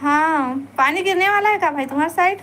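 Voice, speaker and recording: A high-pitched woman with a Chhattisgarhi accent talks casually on a phone live stream, pleading with viewers to stay a little longer. Faint background noise runs under her voice. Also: a little fast, fairly bright tone. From Chhattisgarh, India.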